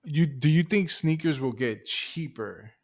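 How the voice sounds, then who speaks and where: Man, co-host; relaxed, rambling anecdotes, casual cursing. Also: a little high, measured pace. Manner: swears casually, loose storytelling. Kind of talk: casual livestream chat.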